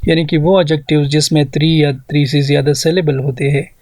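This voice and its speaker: A man teaching an English grammar lesson, explaining rules slowly and spelling words out syllable by syllable. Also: on the high side, level tone, a little mellow, no echo. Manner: mixes Hindi-Urdu explanation with read-out English rules.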